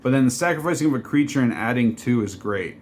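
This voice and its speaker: A man's voice: medium pitch, expressive, fast, slight background noise. A man casually walking through a card game deck, rambling and joking, with many fillers and digressions. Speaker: deck reviewer.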